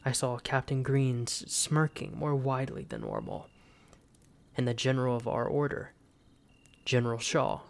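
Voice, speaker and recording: In a first-person fantasy audio drama, a man plays an embittered exiled knight with wounded pride who grieves for his mother. His medium-pitched, gravelly voice is animated yet formal and solemn, bitter in mood, with dramatic pauses.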